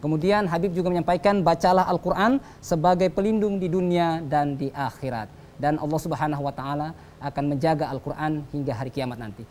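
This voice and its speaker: An Indonesian host of a religious TV talk show who summarizes points and puts questions, often pausing with "eh" and politely affirming. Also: mid-range voice, darkish tone, a little hiss or hum. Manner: frequent hesitations with "eh", polite affirmations. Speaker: TV program host.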